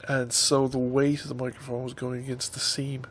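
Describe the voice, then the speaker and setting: Speaking into a stand-mounted desk microphone, a man from Ireland in his fifties rambles through a casual vlog update, hesitating with lots of ums. He's stuffy-nosed from a head cold, and his husky, medium-pitched voice has a flat delivery at normal speed.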